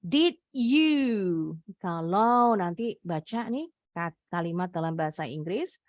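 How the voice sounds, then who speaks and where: A woman's voice: on the low side, expressive, slow pace, dry recording, studio quality. A young woman teaching English online with an Indonesian accent, explaining patiently in a mix of Indonesian and English over a video call. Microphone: computer mic on a video call.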